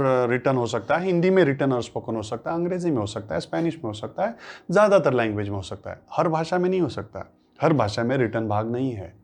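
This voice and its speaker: A man whose first language is Marathi, teaching a spoken English lesson in Hindi. He asks questions, answers them himself, and repeats phrases for emphasis. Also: mid-range voice. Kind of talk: classroom-style lesson.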